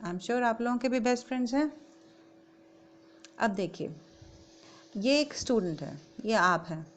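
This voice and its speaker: A woman's voice: fairly high pitch, animated, unhurried. Indian woman teaching grammar. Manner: explains each point in English, then again in Hindi. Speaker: English teacher. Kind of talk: classroom grammar lesson.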